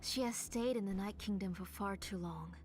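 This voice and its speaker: A grieving villain mother from a video game , acted by a woman, delivers a brooding monologue at a middling pitch. She is measured and resolute, often sinking toward breathy near-whispers. Faint noise sits behind her voice. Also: darkish tone, close to an everyday voice. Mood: sorrowful resolve.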